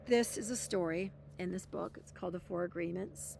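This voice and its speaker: A woman's voice: on the low side, moderate pace, gravelly, mellow, slight background noise. Woman reading aloud with blunt asides. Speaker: self-help speaker. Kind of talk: reading a book aloud with commentary.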